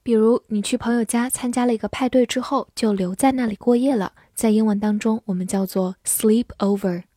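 A woman giving a scripted vocabulary lesson, spelling each word letter by letter and reading example sentences slowly. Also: on the high side, steady tone, mellow, dry recording, studio quality. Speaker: English vocabulary teacher.

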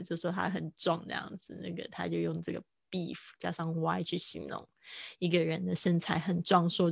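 A woman teaching English words in a casual live-streamed lesson, chatting and repeating each word slowly to model how it sounds. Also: on the low side, creaky, fairly bright tone, dry recording, clean studio sound. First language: Mandarin.

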